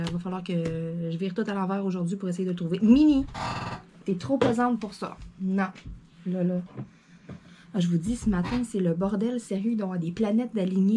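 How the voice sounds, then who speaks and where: A woman's voice: mid-range voice, mellow, slight background noise. A woman with a Québécois French accent chatting to camera from her home desk, playful and rambling, with lots of fillers and laughs. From Quebec. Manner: often laughs and talks to her cat. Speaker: crafting vlogger. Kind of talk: casual chat to camera.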